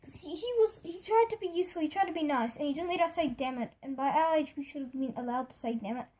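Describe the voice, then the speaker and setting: Speaking fast in a high voice with a darkish tone, a young video storyteller rambles indignantly through a casual vlog-style tale, acting out others' lines. There's music behind the voice.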